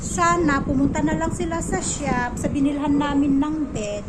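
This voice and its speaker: Woman vlogger rambling on at home, high voice, loud background noise, gossipy and chatty. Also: moderate pace. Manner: rambling, gossipy, repeats herself. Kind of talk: casual chatty storytelling. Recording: noisy home recording.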